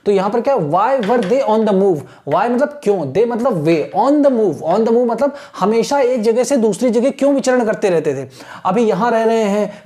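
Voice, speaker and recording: A man gives a patient classroom lesson, reading English passages slowly and word by word. His voice is soft and mellow, never sharp. He keeps checking that his students are following. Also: high voice. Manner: patient, repeats a checking tag after nearly every sentence. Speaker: teacher.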